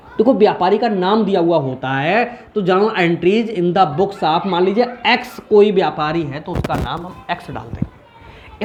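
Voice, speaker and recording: A man's voice: high-pitched, muffled recording. A male commerce teacher talks through an accounting lesson in an easy, chatty way. He keeps asking the class questions and then answering them himself. A faint hiss sits under the voice. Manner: chatty, asks and answers his own questions.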